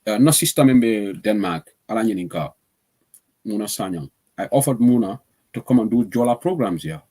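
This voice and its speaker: A man's voice: lowish voice, a little fast, husky. A man from Gambia hosting an online current affairs show, talking casually and laughing often. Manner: animated, laughs often, switches between English and Mandinka. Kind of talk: casual talk show monologue.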